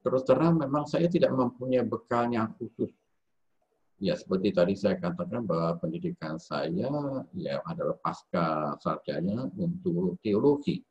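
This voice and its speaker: Deep husky priest guy thinking out loud, lots of eh and restarts, muffled lo-fi call audio. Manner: halting, with many fillers and self-corrections. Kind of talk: reflective spoken lecture. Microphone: video call.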